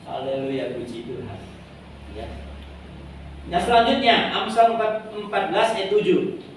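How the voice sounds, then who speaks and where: A man's voice: high voice, expressive, unhurried. A middle-aged man, a pastor, giving an informal, rambling sermon and leading the congregation in reading aloud. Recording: very echoey hall, distant mic, noisy.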